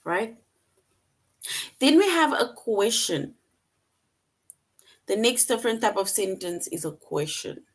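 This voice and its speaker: A woman with a mid-range voice teaches young children English online, patiently repeating things and often checking in with "right?".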